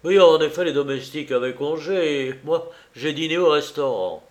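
A man doing a charming gentleman thief. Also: on the high side, expressive, moderate pace, natural voice. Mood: gallant. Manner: gallant, playful. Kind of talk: audiobook reading.

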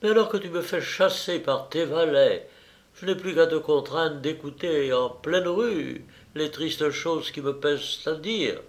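A man's voice: fairly high pitch, lively intonation, a little slow, a bit bright, pitched above the performer's own voice. A man voicing a proud, fiery young kept woman who speaks in fierce, cutting words. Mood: bitter.

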